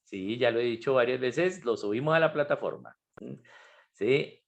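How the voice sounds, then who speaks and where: Speaking into a computer mic on a video call, a man leads an online chemistry lesson, explaining each step and regularly checking that students understand. His voice sits mid-range, with vocal fry and lively intonation at a normal speed.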